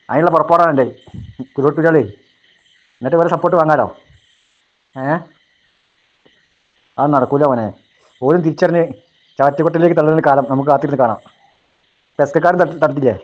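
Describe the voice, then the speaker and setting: Man, heated rebuttal, taunting rhetorical questions, high-ish voice, dull lo-fi sound. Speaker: religious speaker answering a rival. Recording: dull lo-fi recording.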